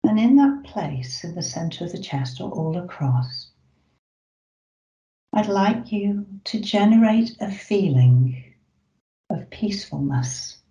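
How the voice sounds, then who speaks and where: Meditation guide, soothing slow delivery, near-whispered moments, mellow tone, roomy slightly muffled recording. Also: mid-range voice, expressive. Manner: soft, slow, soothing delivery with drawn-out pauses.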